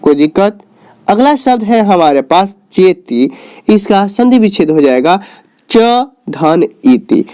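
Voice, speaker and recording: A man teaching a lesson at an unhurried pace, his voice warm and dark. He quizzes the viewer and then answers himself, stretching out each answer in a lower, slower tone. He talks to the viewer in a friendly, familiar way. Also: expressive. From Bihar, India. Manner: asks questions and answers them himself, calls the viewer "babu". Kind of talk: recorded classroom lesson.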